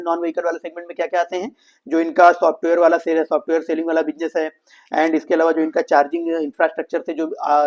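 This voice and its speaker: The speaker's fairly high, slightly mellow voice comes through a dull lo-fi recording. He's an Indian man presenting explainer commentary on an earnings call, treating viewers as friends and blending English business terms into his explanations.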